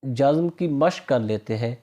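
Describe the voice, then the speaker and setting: A Quran reading teacher giving a slow recitation lesson, sounding out syllables one by one and adding brief, calm explanations of the rules. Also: medium pitch, muffled recording. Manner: slow, deliberate syllable-by-syllable drilling with stretched vowels; brief, calm rule explanations between drills.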